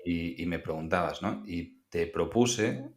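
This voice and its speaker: Low-voiced podcast host. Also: male voice, a little slow. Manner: relaxed, chatty, many fillers. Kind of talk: casual interview chat.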